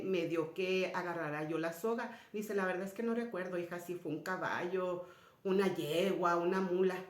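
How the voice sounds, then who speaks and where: A woman giving a spiritual personal testimony to an audience, retelling conversations and often dropping to a soft, low voice. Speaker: speaker sharing a personal story. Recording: roomy echoey sound.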